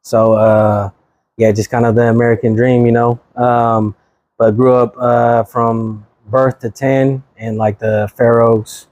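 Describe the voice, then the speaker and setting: A man's voice: medium pitch, level tone, slow pace, a little mellow, no room sound. A man in his thirties from Sacramento, California, a real estate agent talking as a podcast guest in an easygoing, slangy way. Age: 30s. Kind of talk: casual chat.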